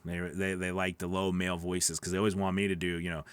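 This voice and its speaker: His low, clear, resonant voice barely moves in pitch as he talks fast, with no echo, though it carries a nasal quality. The thirtysomething voice actor hosts a casual live Q&A from a small home studio indoors, using a large boom-arm studio microphone, repeating words and reading viewer questions aloud.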